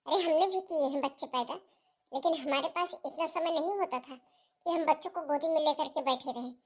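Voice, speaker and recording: A bossy mother-in-law from a family melodrama, acted by a woman in a high, piercing voice. She scolds and mocks without letting up. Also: brisk. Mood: lecturing. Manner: shrill, taunting, scolding. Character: scolding middle-aged mother-in-law, harsh and domineering.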